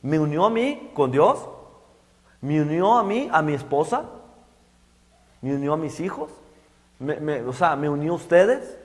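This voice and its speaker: A middle-aged man preaching a sermon, halting and repeating words as he goes. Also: fairly high pitch. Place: church hall. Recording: echoey church hall.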